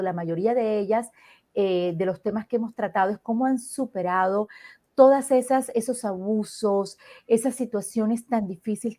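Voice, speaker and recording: A woman's voice: medium pitch, dark tone. A woman hosting a podcast interview, effusive and repeating her words for emphasis. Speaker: podcast host and advocate for abuse survivors.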